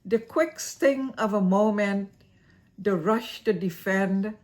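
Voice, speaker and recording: A woman's voice: medium pitch, slow, darkish tone. A woman hosting an educational series, narrating a scripted explainer in a playful, theatrical way and laughing at her own jokes.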